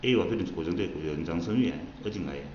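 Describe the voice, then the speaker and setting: A man tutoring math at a board, explaining each step slowly and checking often whether students follow. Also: deep voice, echoey room, dull audio, background noise. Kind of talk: whiteboard math lesson.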